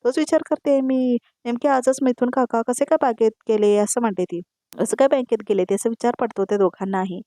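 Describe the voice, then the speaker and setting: Brief: woman doing a quick voice-over episode recap, mellow dark tone, dry close sound. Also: fairly high pitch, steady tone, no echo. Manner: rapid retelling with constant "she says" tags. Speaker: TV serial episode reviewer.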